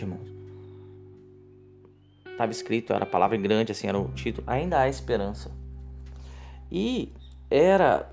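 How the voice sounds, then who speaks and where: A man's voice: medium pitch, creaky, a little mellow. A man giving an earnest personal faith testimony, repeating himself as he speaks to fellow believers. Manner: earnest, repetitive storytelling addressed to fellow believers.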